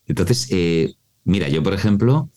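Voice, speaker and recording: A man from Mallorca with a Spanish accent from Spain, a voice-over artist and coach explaining things expressively in a podcast interview, often checking in with a quick "¿vale?". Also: low voice, lively intonation, warm tone. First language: Mallorcan Catalan alongside Spanish.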